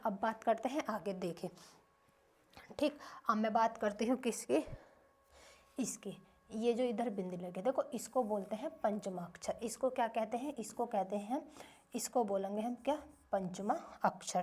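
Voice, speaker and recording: A woman teaching young children a grammar lesson in a steady, middle-pitched voice. She fires off short questions and answers them herself in a patient, repeating rhythm. The pace is that of a classroom drill at a whiteboard.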